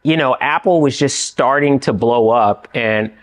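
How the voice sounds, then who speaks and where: Animated middle-aged man in a studio interview. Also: medium pitch, measured pace. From California. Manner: animated, gestures with both hands, lots of "you know what I mean". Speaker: actor and writer, interview guest. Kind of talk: casual interview chat. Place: indoor studio with dark backdrop.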